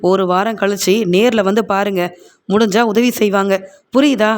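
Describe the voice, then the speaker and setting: A man's voice: sits high, steady tone, moderate pace, smooth, lightly acted. Narrator as brusque male aide brushing off a caller; impatient read. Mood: irritated. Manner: scolding, impatient. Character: curt irritable male personal assistant.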